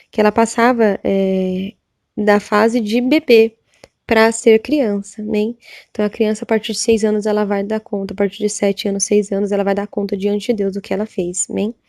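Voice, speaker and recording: A woman's voice: mid-range voice, a little mellow, no room sound, studio quality. A woman giving a church testimony as a sermon, repeating herself and often asking for amens. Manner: repetitive, asking "amém?" often. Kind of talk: preaching testimony.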